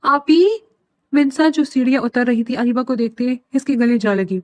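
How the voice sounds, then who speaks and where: A woman reading a romantic novel aloud in steady, even storytelling. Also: fairly high pitch, no echo. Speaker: narrator. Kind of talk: audiobook novel narration.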